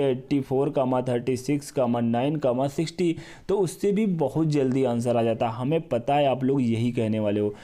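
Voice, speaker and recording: A man's voice: a little high, warm tone. A male math teacher giving a step-by-step exam-prep lesson, repeating each step and talking to viewers like a brother. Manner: repetitive, step-by-step explaining, addresses viewers as brother.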